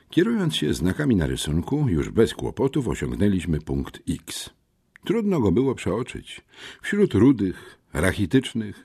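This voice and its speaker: Deep, husky man narrating an audiobook. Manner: expressive storytelling.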